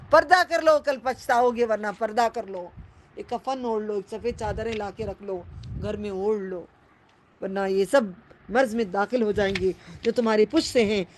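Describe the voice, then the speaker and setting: An impassioned woman teacher leading a Quran commentary lesson in a mid-range voice. She exhorts her listeners and repeats phrases for emphasis. She swings between raised, urgent appeals and hushed asides. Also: mid-range voice, a little hiss or hum.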